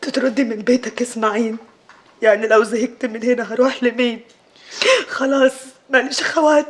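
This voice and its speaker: A woman's voice: a little high, steady tone, fairly quick, natural voice. An actress with an Upper Egyptian accent playing a proud older woman of the house, hurt and reproachful.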